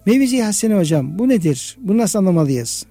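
High-pitched man with a very dark, mellow voice. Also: very animated, quick pace, dry recording, faint music behind. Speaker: host of a religious discussion. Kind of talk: conversational religious discussion with anecdotes.

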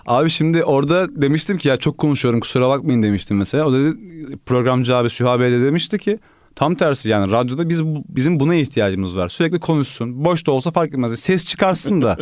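A man's voice: medium pitch, lively intonation, fast, a little mellow, no echo, clean studio sound. A man from the Aegean region of Turkey, a music researcher chatting on radio in a joking, deferential way. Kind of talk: casual radio chat.

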